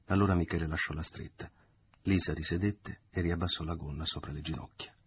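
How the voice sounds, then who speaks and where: A man narrating a literary novel as an audiobook in a measured, expressive reading. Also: extremely low pitch, slight background noise.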